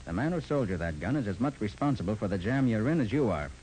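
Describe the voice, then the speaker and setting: An actor playing a confident, persistent detective with a firm, clipped way of explaining, in 1940s radio drama style. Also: male voice, on the low side, expressive, fast talker, darkish tone, a little hiss or hum, lightly acted, rough recording.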